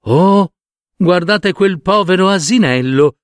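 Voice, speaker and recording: A man's voice: high-pitched, expressive, takes it slowly, clean tone, dry recording, studio quality, voice pushed up. A man voicing a young village girl who speaks with tender pity, in a spoken folk tale. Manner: tender, pitying.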